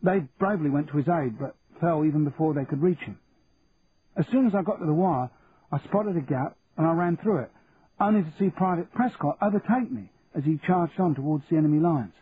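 A man's voice: fairly high pitch, animated, a little fast, pitched above the performer's own voice, lightly acted. Man playing earnest young soldier. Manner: earnest, respectful, plain-spoken. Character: young male lance corporal, earnest and honest. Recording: tinny phone-like, faint hiss.

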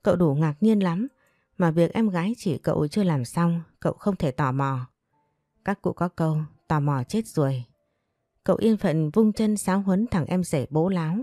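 A woman narrating a scripted story in a steady, measured way. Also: lowish voice, dry recording, clean studio sound. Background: soft music.

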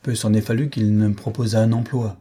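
A man's voice: on the low side, fairly even intonation, a little fast, dark tone, close to an everyday voice. A man voicing a brazen, ragged rogue in an audiobook, with a thundering, mocking delivery. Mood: sardonic. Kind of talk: audiobook character voice.

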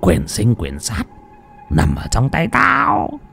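A man voicing an old, potbellied, brutal village chief who talks in a gruff, slurred, wheezing voice. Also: huge pitch swings, slow pace, bright, forceful tone, faint music behind, exaggerated voice. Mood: menacing. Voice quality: gruff, booming.

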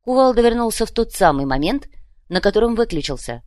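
A woman narrating a story in steady, scripted audiobook style. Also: mid-range voice, fairly quick, no echo, studio quality.

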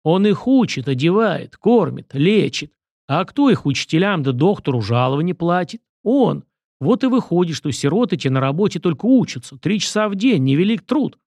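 A man's voice: on the high side, big pitch swings, normal speed, a little mellow, no room sound, pitched above the performer's own voice. Man playing a folksy, stubborn commoner. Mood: vehement. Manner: folksy, vehement, arguing. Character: common male coachman, proud and stubborn.

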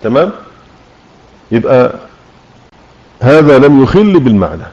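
A man with an Egyptian accent teaching a religious lesson, explaining with questions to his listeners and slowing down to demonstrate recitation. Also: mid-range voice, very animated, a little mellow. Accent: Egyptian Arabic. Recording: muffled lo-fi online audio room.

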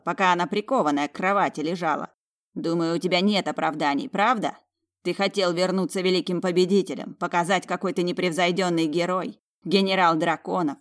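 A woman's voice: lowish voice, natural voice. A woman reading an audiobook, voicing a battered, defiant young male mage who taunts and mocks his rival. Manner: mocking, taunting.

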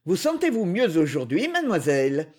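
A reader voicing a stern, courteous brigand king who speaks gravely and with conviction. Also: sits high, wildly swooping pitch, moderate pace, darkish tone, heavily acted. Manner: cool, courteous, solemn.

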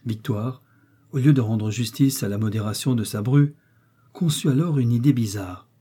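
A man reading a classic novel aloud as an audiobook narrator, in a measured, even storytelling manner. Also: medium pitch, slightly rough. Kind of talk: scripted literary narration.

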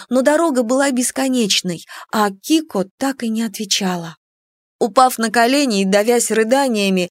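A woman narrating a first-person audiobook with an expressive, emotional reading. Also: fairly high pitch, no room sound, studio quality.

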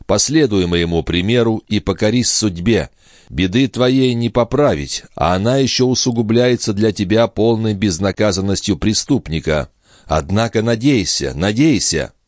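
A man's voice: on the low side, lively intonation, moderate pace, no echo, clean studio sound, pitched above the performer's own voice, close to an everyday voice. A man reading an audiobook and voicing a young nobleman as a protective brother, in a solemn, restrained, consoling voice. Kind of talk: audiobook character voice.

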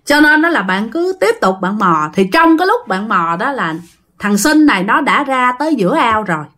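A woman tells a casual ghost story in a chatty manner, speaking straight to her listeners. Her voice is fairly high and fairly bright, with big pitch swings and a normal speed.

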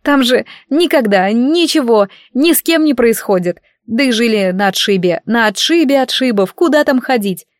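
A woman's voice: a little high, lively intonation, moderate pace, few pauses, dry recording, clean studio sound, natural voice. A woman reading the lines of a tearful teenage girl from a village who keeps crying while she talks. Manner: sobbing, pleading.

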